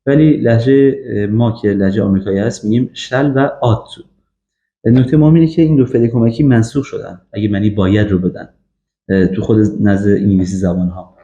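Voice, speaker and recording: A man giving an English grammar lesson, drilling example sentences slowly with frequent fillers. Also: fairly low pitch, dark tone. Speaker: English teacher. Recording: echoey, dull lo-fi room recording.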